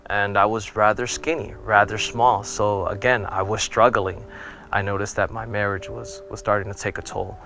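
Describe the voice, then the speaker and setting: A man's voice: lowish voice, level tone, moderate pace, creaky, bright, forceful tone. A man in his thirties from Puerto Rico, an airman telling his life story in an earnest, reflective way. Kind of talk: personal interview testimony. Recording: music playing underneath.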